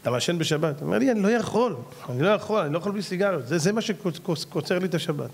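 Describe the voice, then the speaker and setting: Lively, high-voiced rabbi telling a story. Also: male voice, vocal fry, slight background noise. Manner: acts out both sides of a dialogue with a salesman. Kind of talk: animated storytelling sermon.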